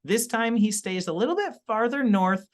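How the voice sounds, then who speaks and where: A man's voice: high-pitched, lively intonation, moderate pace. A man teaching a history lesson in a chatty, explaining way, often checking in with his listeners. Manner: chatty, explaining with asides and "right?".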